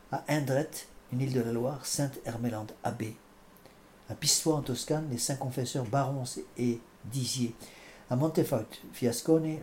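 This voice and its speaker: A man preaching a sermon and commenting on scripture, often halting and repeating words with fillers. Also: medium pitch, mellow, slight background noise. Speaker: priest.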